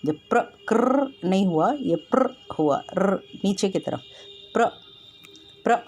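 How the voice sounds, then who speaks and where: A woman teacher giving a grammar lesson to children, slowly sounding out and repeating each syllable of every word. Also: medium pitch, expressive, a little mellow, breathy edge.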